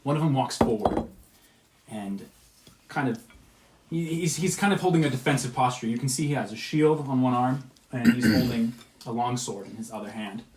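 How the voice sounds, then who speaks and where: A man's voice: mid-range voice, normal speed, darkish tone. A male game master narrating a tabletop fantasy session, describing things in detail and often restarting mid-phrase. His voice echoes in a roomy space. A faint noise runs behind him.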